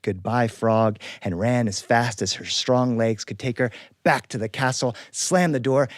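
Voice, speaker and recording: A man telling a fairy tale in a lively, animated style, with spoken sound effects. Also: mid-range voice, no room sound, clean studio sound. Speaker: storyteller. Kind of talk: animated storytelling performance.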